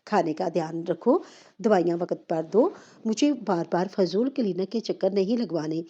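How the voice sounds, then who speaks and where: A woman's voice: on the low side, expressive, dark tone, lo-fi sound. A woman doing a harsh, impatient father. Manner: harsh, scolding.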